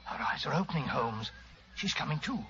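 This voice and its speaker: An actor with a British accent playing a fussy, loyal gentleman doctor in a 1940s radio drama. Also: on the high side, lively intonation, a little fast. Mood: concerned. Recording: muffled, hissy old-time radio recording.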